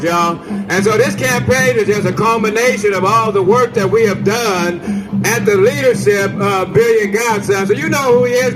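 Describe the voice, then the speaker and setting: A man's voice: sits high, rough recording. Hyped man rallying a festival crowd. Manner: hyped, casual slang. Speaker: campaign supporter introducing the candidate. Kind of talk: rallying crowd call-and-response. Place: outdoor marketplace festival. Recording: loud music behind the speaker.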